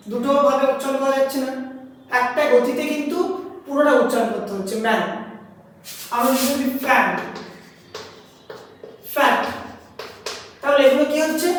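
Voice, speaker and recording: A woman's voice: high-pitched, slight background noise. A woman teacher with a Bengali accent explains step by step, asks her students questions and sounds out words syllable by syllable. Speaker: English grammar teacher. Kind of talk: classroom lesson. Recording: echoey hall, voice from a distance.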